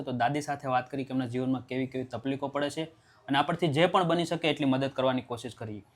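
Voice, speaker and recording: A man hosting a charity video, introducing the case and gently consoling and questioning an old woman. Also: medium pitch. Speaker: charity host. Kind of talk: charity appeal and interview.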